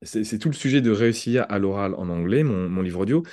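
A French man with a low, mellow voice explains pronunciation ideas in an unhurried conversational way, often restarting a phrase as he thinks. The sound is close and dry, with no room around it. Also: animated, dry recording. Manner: thoughtful, explains with examples and restarts. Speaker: podcast guest, language entrepreneur. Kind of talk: conversational interview.

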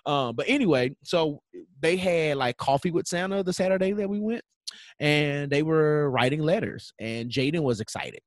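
A man's voice: a little high, lively intonation, normal speed, no room sound. A man, telling stories casually as a podcast co-host and animatedly acting out dialogue.

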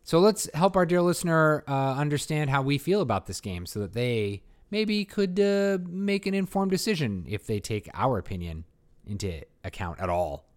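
A man's voice: mid-range voice, big pitch swings. Joking man chatting about board games. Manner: joking, rambling, quick asides and laughs. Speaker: podcast co-host. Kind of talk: casual board game review chat.

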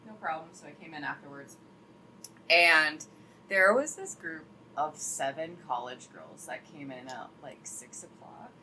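A young adult woman talking in a relaxed, chatty way, her tone a little low yet bright and sharp. She strings stories together loosely, full of "like" and easy laughs. There is a faint hiss of noise behind her. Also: a little slow, rough recording. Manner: chatty storyteller, heavy use of "like", laughs often. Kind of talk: casual chat.

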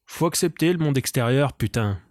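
A man's voice: mid-range voice, expressive, moderate pace, no room sound, clean studio sound. A man hosting his own podcast, a comedian rambling through crude, self-mocking digressions. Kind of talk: rambling comic monologue.

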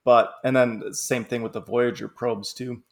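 A man's voice: medium pitch, level tone, moderate pace. A man co-hosting a podcast, chatting casually and musing aloud, often breaking into a laugh. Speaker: podcast co-host. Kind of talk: casual chat.

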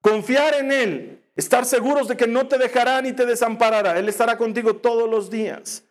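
A male preacher delivers a sermon in a high-pitched voice. He tells the story in an animated way, slowing down to stress his key words. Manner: animated storytelling with slow emphatic phrasing.

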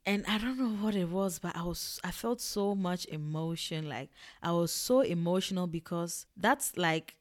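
A young woman from Ghana and Togo, telling a personal story in a casual vlog, animated and repetitive. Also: on the low side, moderate pace.

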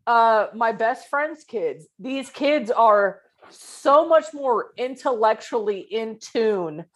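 A woman's voice: fairly high pitch, expressive, slow pace. Swearing, ranting woman from California. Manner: swears freely, rants and tells stories. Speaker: podcast co-host. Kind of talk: casual podcast chat.

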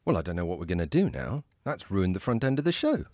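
A man's voice: low voice, very animated, fast talker, a little mellow, no room sound, clean studio sound. A man co-hosting a comedy podcast, showman-like and wry in scripted banter. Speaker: podcast host.

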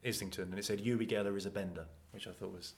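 A host talks fast in a lowish voice. He chats eagerly, agrees often and keeps the conversation moving. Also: fairly even intonation, gravelly. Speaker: podcast host. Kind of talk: casual chat.

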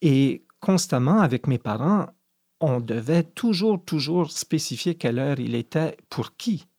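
A man's voice: a little high, lively intonation, a little mellow, no echo, clean studio sound. A middle-aged man with a Brayon Acadian French accent from northwest New Brunswick, speaking thoughtfully with many hesitations in a podcast conversation. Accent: Acadian French, Brayon (Madawaska). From Madawaska, New Brunswick, Canada. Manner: thoughtful, measured, with frequent "euh". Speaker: poet guest.

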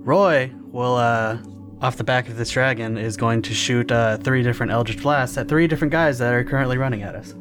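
A man's voice: mid-range voice, fairly even intonation, brisk, music in the background. A man talking casually and with swearing as a player in a tabletop role-playing game. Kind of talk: casual, profane gaming chat.

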